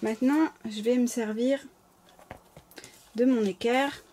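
A woman's voice: fairly high pitch, fairly even intonation, slow, warm tone, a little hiss or hum. A woman with a slight lisp giving informal, apologetic, step-by-step craft instructions as a tutorial host. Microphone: camera placed close over the work table.

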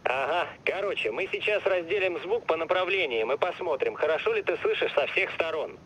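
An actor playing a chatty, joking young tech support teammate in a game, talking casually in slang. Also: male voice, a little high, expressive, fairly quick, fairly bright tone, highs cut off, slight background noise. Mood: casual, playful. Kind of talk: dubbed game dialogue.

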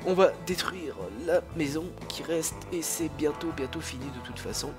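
A gaming YouTuber, a young man with a cold, coughs now and then as he rambles casually through commentary on a strategy game, full of fillers and restarts. His voice is on the high side at a normal speed, with music playing behind him.

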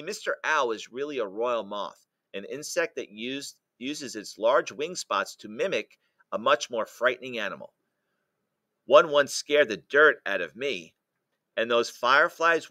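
A male teacher reading a picture book aloud to a class, pausing to explain jokes and quiz his listeners. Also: medium pitch, sharp tone, no room sound.

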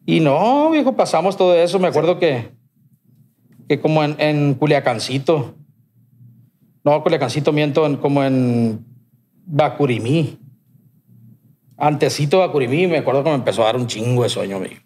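A man's voice: fairly high pitch, lively intonation, moderate pace, long pauses, a little mellow, a little hiss or hum. A man with a Sinaloan accent, a podcast guest telling a long personal story in rambling, slang-heavy, swearing speech. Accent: Sinaloan Mexican Spanish. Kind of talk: casual storytelling.

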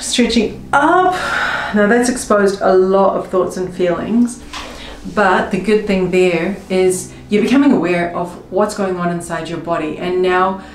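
Her voice lowish and darkish, a woman coaches listeners through a slow, first-person tapping script built on repeated, emotional affirmations. Faint music plays in the roomy recording.

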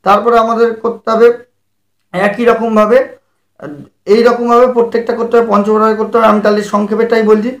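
High-voiced man teaching puja rites. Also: completely flat delivery, gravelly. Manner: explanatory, often checks understanding; recites Sanskrit mantras slowly, drawn out. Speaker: puja ritual instructor. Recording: roomy echo.

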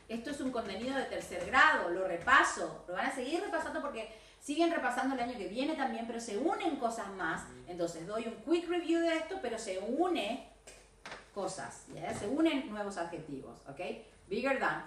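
A woman's voice: on the high side, pushed and bright, reverberant, distant mic. Argentine woman teacher correcting English. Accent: Argentine Spanish. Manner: switches between Spanish and English, correcting pronunciation and grammar. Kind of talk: video feedback lesson to students.

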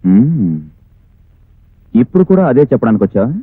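An actor playing a formal, probing prosecutor in a film courtroom scene. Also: male voice, medium pitch, big pitch swings, brisk, slightly rough, no room sound. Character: stern adult male prosecutor questioning a witness. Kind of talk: 1980s film courtroom drama. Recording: dry tinny lo-fi film soundtrack.

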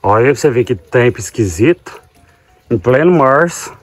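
A man's voice: medium pitch, expressive, normal speed, breathy edge, no echo, faint music behind. Tender farmer talking to his cows. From Goiás, Brazil. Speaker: farmer and vlogger. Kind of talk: casual farm vlog. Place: outdoors on a farm, by a corral.

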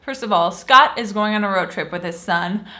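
A young Swiss woman gives a casual, enthusiastic review of a TV show from a small room, often playfully acting out lines from it. Her voice is medium-pitched, bright and forceful, at a normal speed.

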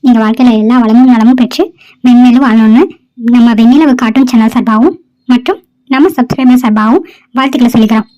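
A woman hosting her cartoon channel talks quickly and cheerfully, greeting viewers and passing on a birthday wish. Her voice sits high. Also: warm tone, highs cut off. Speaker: channel host.

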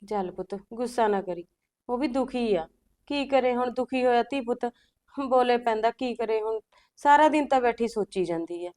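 A middle-aged woman playing a calm village mother who coaxes and soothes her grown children, with faint music behind. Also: fairly high pitch, moderate pace, natural voice. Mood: soothing. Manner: calm, coaxing, keeps calling her children "son".

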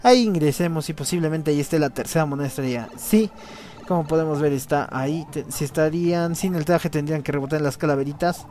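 A man doing casual let's play commentary, chatty and cheering on his co-player with quick exclamations. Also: on the high side, a little mellow.

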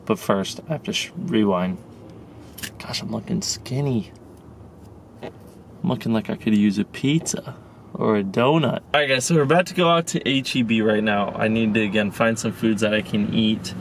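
A young man in his twenties, a vlogger and powerlifter, talks casually to the camera in a lowish voice at normal speed. He is chatty and jokes around in loose, rambling talk, with slight background noise.

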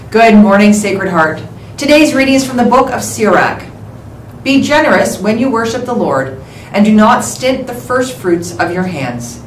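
A woman reading the morning announcements and prayer over a school intercom, in a steady, measured way. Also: medium pitch, slight background noise. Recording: echoey, distant intercom sound with faint ambience.

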